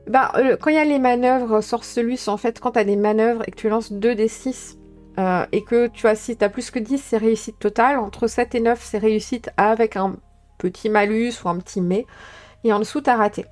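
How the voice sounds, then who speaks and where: A woman with a somewhat high voice chats loosely on her live stream. She pauses often and fills gaps with little hesitations. Soft music plays behind her. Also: fairly even intonation. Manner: chatty, thinking aloud with many fillers. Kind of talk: casual live-stream chat about tabletop games.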